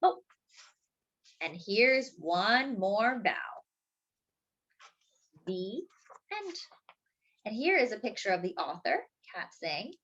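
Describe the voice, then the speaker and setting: Leading storytime, this woman reads a picture book to young children with expressive, stretched-out words and quick asides to them. Her mid-range voice is a bit bright and swings widely in pitch, though the recording itself is dull.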